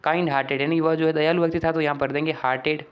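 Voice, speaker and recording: A man walking students through an exam paper, asking rhetorical questions and reading English sentences out slowly. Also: a little high, steady tone, smooth, lo-fi sound. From Rajasthan, India. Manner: keeps asking the class rhetorical questions, calls them friends. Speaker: teacher. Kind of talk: exam paper walkthrough lesson.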